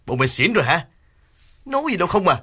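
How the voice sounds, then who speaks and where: A man's voice: on the low side, moderate pace. A male narrator voicing an irritated older brother who scolds and snaps impatiently. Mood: irritated, scolding. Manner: sharp, scolding, snapping.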